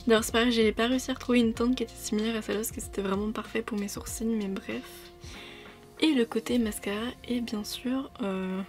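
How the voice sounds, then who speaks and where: A woman talks casually to her viewers in a fairly high voice, wandering from point to point with plenty of fillers. She speaks into a proper microphone, with faint music playing quietly underneath. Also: fairly even intonation, brisk. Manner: chatty, rambling, with frequent fillers. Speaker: beauty vlogger. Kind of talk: casual chat to camera. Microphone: new proper microphone.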